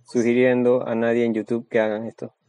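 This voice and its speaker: Man, mid-pitched, seminar voice-over, crude and boastful, dry close sound. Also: monotone, a little fast, mellow, smooth, no room sound, low-quality recording. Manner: blunt, crude and boastful, with many restarts. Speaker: seminar speaker. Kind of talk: Spanish voice-over of a seminar talk.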